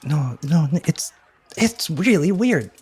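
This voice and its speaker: A man voicing an excitable companion who talks into a hero's ear, stammering and insistent. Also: on the high side, slow pace, breathy edge, soft background music, voice pushed up, heavily acted. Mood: insistent, flustered.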